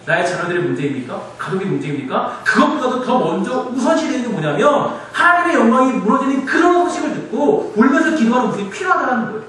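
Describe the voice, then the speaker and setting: High-pitched, fast, animated Korean preacher. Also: male voice, a crowd in the background. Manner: earnest, animated preaching with frequent rhetorical questions. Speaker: pastor. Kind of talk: sermon. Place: church sanctuary. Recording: echoey hall, distant mic, faint noise.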